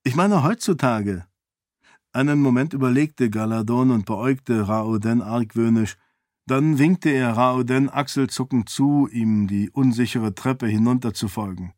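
Dry, measured male audiobook narrator. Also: mid-range voice, a little mellow, no room sound. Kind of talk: scripted narration.

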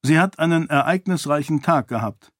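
A man voicing a stern but motherly older noblewoman, calm and reassuring, in an audiobook. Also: fairly high pitch, normal speed, no echo, studio quality, pitched above the performer's own voice.

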